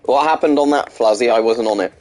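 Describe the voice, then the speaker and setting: A man livestreaming a video game speaks at a quick pace in a medium-pitched, slightly mellow voice. He answers chat questions in between remarks about the game, rambling and hesitant, with lots of ums and restarts, and he sounds a bit sore-throated and stuffed up.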